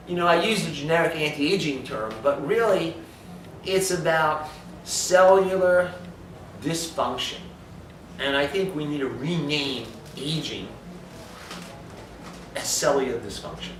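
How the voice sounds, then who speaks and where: A man's voice: fairly high pitch, a little hiss or hum. A man giving an emphatic health talk, lecturing and asking rhetorical questions. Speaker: speaker on supplementation. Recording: echoey room from far off.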